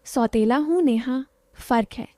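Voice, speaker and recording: A woman's voice: high voice, unhurried, darkish tone, dry recording. A woman voicing a teasing young man.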